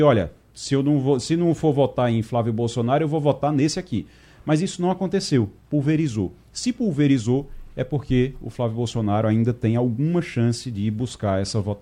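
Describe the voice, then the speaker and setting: Mellow-voiced male radio host. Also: medium pitch, moderate pace. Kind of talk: radio political talk.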